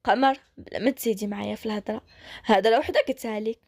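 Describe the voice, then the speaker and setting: Woman voicing a gruff older brother, stern, blunt, Moroccan accent, quick delivery. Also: medium pitch, darkish tone.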